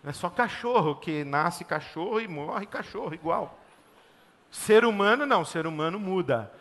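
A man's voice: high-pitched, animated, a little slow, a bit bright. A middle-aged man preaching a conversational sermon, emphatic and fond of rhythmic repeated lists. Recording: long hall reverb.

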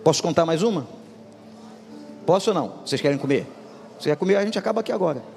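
A man preaching with lively, joking energy and a slightly high voice, telling a story straight to his congregation. His words ring out with a long hall reverb. Music plays softly behind him. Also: quick pace, vocal fry. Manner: animated, humorous, addresses congregation directly. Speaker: pastor. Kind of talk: storytelling sermon.

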